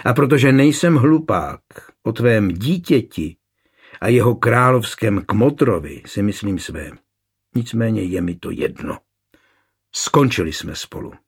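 A man with a husky voice voicing a proud nobleman coldly telling his wife he is leaving, in an audiobook. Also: on the low side, expressive. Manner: cold, measured.

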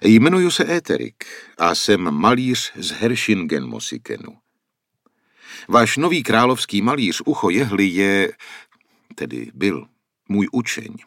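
A grave, worried old painter who explains the danger in solemn tones, as a male narrator plays him. His low voice moves over a lively range, recorded dry and close. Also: no echo, heavily acted. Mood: earnest.

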